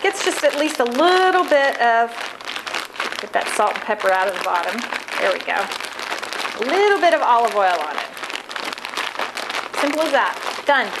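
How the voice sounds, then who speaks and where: Over a noisy crowd, a woman with a fairly high voice, big pitch swings, normal speed, and long pauses hosts a cooking demonstration. In her forties, she keeps things casual and upbeat in a large home kitchen, prepping food by hand as she talks.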